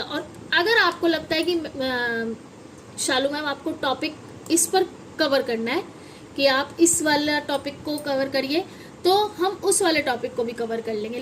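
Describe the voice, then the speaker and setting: A woman's voice: sits high, a bit bright, a little hiss or hum, poor audio. A woman teaching English pronunciation in a patient classroom manner, asking questions and answering them herself. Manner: patient, addresses viewers as children, asks and answers her own questions. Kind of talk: classroom-style lesson at a whiteboard.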